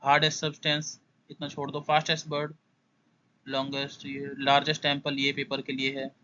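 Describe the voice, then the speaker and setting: Brisk young male exam tutor, bright voice. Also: a little high, completely flat delivery, highs cut off, slight background noise. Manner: brisk, skims through points, repeats "must know". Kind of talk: casual exam-prep lesson.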